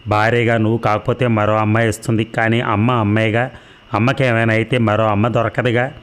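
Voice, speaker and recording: Young man in a storybook, firm but regretful, as the narrator reads him, low voice. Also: little pitch movement, fairly quick, clean tone, natural voice. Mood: resolute. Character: young man torn, devoted to his mother.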